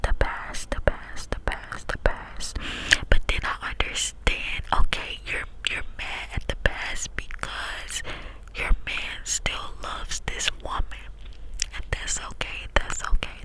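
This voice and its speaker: A young woman from Texas whispering an ASMR storytime through cupped hands close to the mic, sometimes repeating phrases over and over. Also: poor audio. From small town in Texas, United States. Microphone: close ASMR mic, hands cupped around it.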